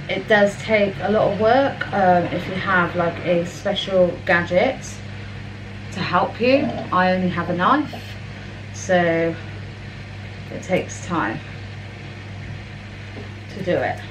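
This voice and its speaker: Young woman, cooking vlog from her kitchen, slow unhurried chat, washing machine humming faintly behind. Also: medium pitch, background noise. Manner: chatty, rambling and informal. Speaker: vlogger. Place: home kitchen, indoors. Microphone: camera on a counter at mid-distance. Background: washing machine running.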